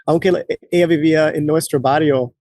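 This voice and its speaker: A man in his late forties from the United States, a guest in an interview, talking in a halting way with many fillers and restarts. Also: a little high, fairly even intonation, darkish tone, dry recording. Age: late 40s. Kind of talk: conversational interview.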